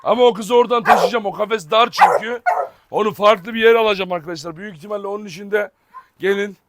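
A man's voice: sits high, quick pace. A man running a casual farm vlog, calling and coaxing his dogs while talking to viewers. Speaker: dog breeder vlogger. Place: outdoor farm with dog cages. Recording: loud background noise and barking dogs.

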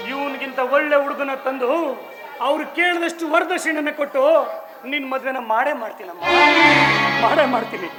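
A man playing a high-voiced, pleading poor brother. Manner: emotional, pleading, declamatory. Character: poor pleading elder brother, devoted to his sister. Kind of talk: village stage drama acting.

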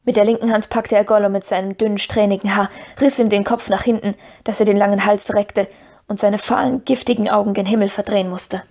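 A woman narrating a fantasy audiobook in an even, steady storytelling manner. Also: medium pitch, brisk.

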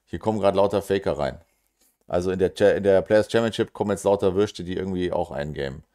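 A German man with a deep, warm voice gives live darts commentary, casual and joking. He groans at near misses and speaks directly to his audience, talking fast with quick asides.

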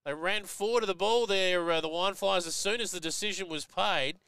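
A man's voice: high voice, a little fast, bright, forceful tone, clear, resonant tone, no echo. An Australian man giving live football commentary and analysis, chatty and folksy, jumping up sharply at big hits.

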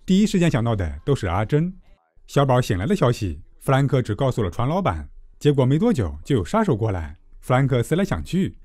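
A man giving a scripted, comedic movie recap narration with tongue-in-cheek, deadpan joking. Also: medium pitch, no room sound, studio quality.

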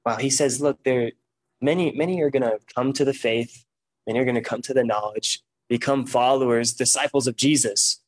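A young man preaching and reading scripture from a lectern, with an emphatic, deliberate public delivery. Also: mid-range voice, no echo, low-quality recording. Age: young adult. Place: meeting room, standing at a lectern.

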